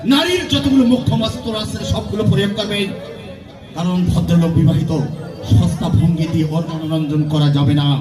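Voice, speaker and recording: A man acting a lecherous, boastful, menacing villain in hammy, declamatory folk-theatre style, with drawn-out words and sudden swells. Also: high-pitched, recorded from a distance, lightly acted. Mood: scornful, commanding. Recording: echoey stage PA from afar, music, crowd.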